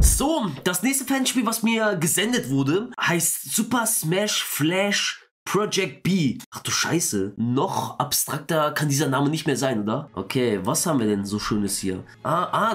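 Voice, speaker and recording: A young man giving excitable let's-play commentary, quick to exclaim and swear as he plays. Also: fairly high pitch, slight background noise. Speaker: gaming YouTuber.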